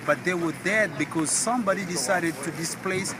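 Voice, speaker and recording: A man's voice: high voice, moderate pace. Earnest man outdoors. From Democratic Republic of Congo. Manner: earnest and urgent, hesitant with frequent fillers. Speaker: activist speaking to camera. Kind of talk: impassioned outdoor address to camera. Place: outdoors on a large public mall. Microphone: phone camera. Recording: loud outdoor background noise.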